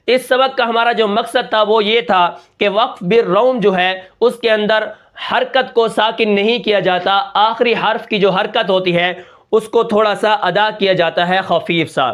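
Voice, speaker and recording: A man's voice: high voice, a bit bright. A man teaching Quran recitation rules, explaining patiently and asking and answering his own questions as he goes. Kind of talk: tajweed lesson.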